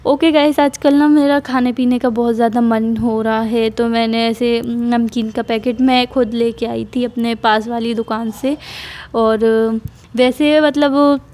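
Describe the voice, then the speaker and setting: A woman's voice: a little high, steady tone, a little slow, darkish tone. Chatty young woman, tired, lying down. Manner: rambling, chatty, many fillers and restarts. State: pregnant, tired, talking lying down. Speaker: vlogger. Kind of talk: casual vlog chat. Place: at home, lying down.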